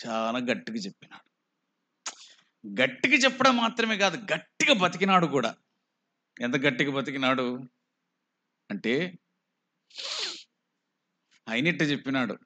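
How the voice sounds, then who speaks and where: A man with a Telugu accent, preaching a slow, emphatic sermon full of rhetorical questions. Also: medium pitch, sing-song, bright, forceful tone. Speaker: pastor.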